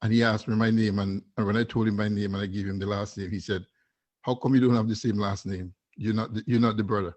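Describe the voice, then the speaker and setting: Husky Vincentian man swapping stories. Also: fairly low pitch, steady tone, fast, darkish tone. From Saint Vincent and the Grenadines. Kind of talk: casual storytelling and banter.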